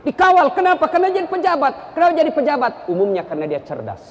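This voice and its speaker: A man's voice: very high-pitched, rapid-fire, a little hiss or hum. A middle-aged man, preaching a humorous sermon and acting out the people in his stories. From South Sulawesi, Indonesia. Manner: storytelling, acting out characters, lively jokes. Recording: echoey hall, long reverb.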